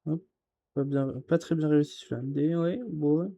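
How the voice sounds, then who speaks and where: Guy filming himself writing characters, hesitant, fixes his mistakes, repeats words really slowly. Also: fairly high pitch, steady tone, creaky, warm tone. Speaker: beginner showing Chinese characters. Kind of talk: casual tutorial while writing. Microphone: camera filming his writing.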